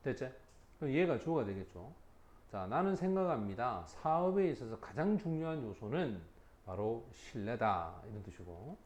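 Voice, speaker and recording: A middle-aged man teaching English vocabulary in a lecture, reading English example sentences slowly and checking in informally with his students. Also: mid-range voice, sing-song, a little mellow.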